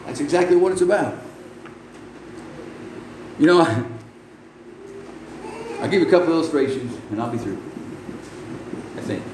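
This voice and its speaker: A man's voice: fairly high pitch, animated, moderate pace, pauses often, darkish tone. A man preaching a folksy, exclamatory sermon full of "amen" and "man". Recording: echoey room with faint background noise.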